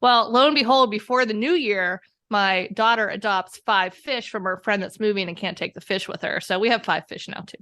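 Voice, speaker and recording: A woman guest in a casual conversation, telling animated stories and laughing often. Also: medium pitch, fairly quick, few pauses. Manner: chatty, animated storyteller who laughs often. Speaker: podcast guest.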